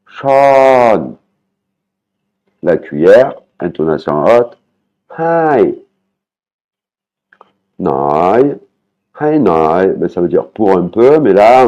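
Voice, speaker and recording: Man, language teacher, very low voice, unhurried, repeats words to show the tones, dull lo-fi sound. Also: mellow. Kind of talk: spoken language lesson.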